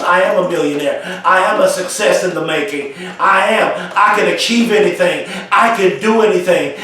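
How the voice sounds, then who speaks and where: A man giving an emphatic motivational speech, slow and repetitive, full of affirmations. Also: sits high, fairly bright tone. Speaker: motivational speaker. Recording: very echoey, from far off the mic.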